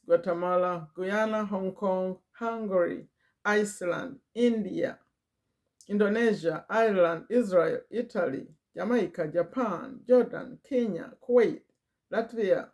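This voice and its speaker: A mid-range voice with a darkish tone belongs to this middle-aged, foreign-accented woman, who runs a business and hosts a channel. Speaking casually to camera in Virginia, USA, she repeats phrases and reads a list out loud.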